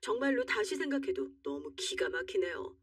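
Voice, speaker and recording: A woman's voice: medium pitch, very animated, moderate pace, a bit bright, dry recording, studio quality, distant mic. Woman narrating an indignant true story. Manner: indignant, confiding. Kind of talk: first-person story reading.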